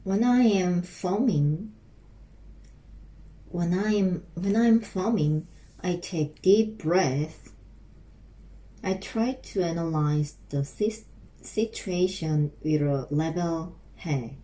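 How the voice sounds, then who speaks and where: A middle-aged woman with a Korean accent, practicing English phrases aloud, repeating each one slowly with frequent restarts. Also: fairly low pitch, warm tone. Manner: slow, repeats phrases over and over, halting with restarts. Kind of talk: self-recorded English speaking practice.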